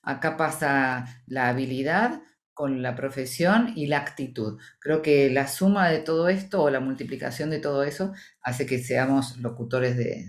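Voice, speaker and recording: A woman's voice: a bass voice, moderate pace. A woman from Argentina with a Rioplatense accent, a voice-over professional giving articulate, explanatory interview answers. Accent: Rioplatense Spanish. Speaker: voice-over professional, association president.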